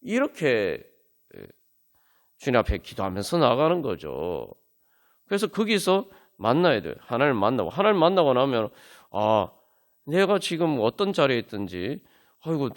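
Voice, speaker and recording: Male pastor, Seoul Korean accent, lively swooping pitch, earnest sermon delivery with fillers and emphatic climbs. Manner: earnest preaching with many fillers, rising to emphatic peaks. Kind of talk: sermon at a Friday prayer meeting. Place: church sanctuary.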